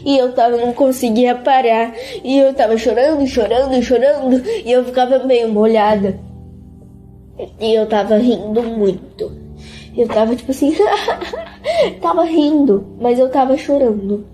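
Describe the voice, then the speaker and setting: A high-voiced woman tells of a religious experience in a halting, repetitive way, her voice often close to tears. Her tone is dark and mellow despite the high pitch, and faint music plays behind her. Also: fairly even intonation. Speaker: interviewee giving a religious testimony. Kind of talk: emotional spoken testimony.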